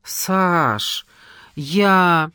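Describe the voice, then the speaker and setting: A reader voicing a gentle, anxious young wife in an audiobook, soft and tender. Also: female voice, on the low side, expressive, extremely slow, smooth, dry recording, clean studio sound, exaggerated voice. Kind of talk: audiobook character reading.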